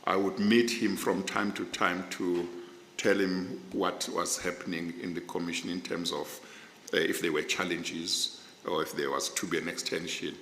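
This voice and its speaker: South African man, deep measured judge, roomy echo, faint noise. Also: fairly even intonation, a bit bright. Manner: measured, hesitant with many fillers. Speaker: judge being interviewed. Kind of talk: formal interview answers.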